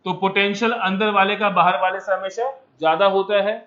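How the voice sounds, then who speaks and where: A man teaching physics in an empty classroom, energetic and coaxing, mixing English terms into Hindi and pressing students to answer. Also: sits high, a little fast, lo-fi sound.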